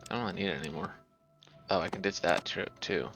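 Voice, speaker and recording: A man playing a video game in casual chat, tired from an early start, excitable, with mumbled asides and sudden bright outbursts. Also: sits low, quick pace, faint music behind. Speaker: gamer playing. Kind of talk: casual let's play chat.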